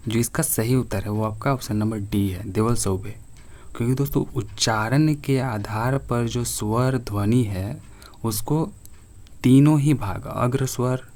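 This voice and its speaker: A man teaching an exam-preparation grammar lesson to his viewers, reading each question slowly and clearly before explaining it. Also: mid-range voice, darkish tone.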